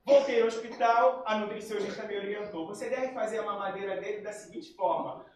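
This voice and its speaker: A man's voice: high voice, brisk, darkish tone. A man giving a spiritist talk, telling a personal story and acting out the dialogue of the people in it. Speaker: spiritist lecturer. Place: lecture hall. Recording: very echoey hall, far from mic.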